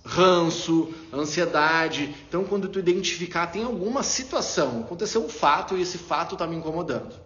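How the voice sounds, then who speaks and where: A man explaining ideas in a casual, animated way, acting out little inner dialogues as he talks. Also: fairly high pitch, fairly quick, few pauses. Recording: roomy, dull lo-fi sound.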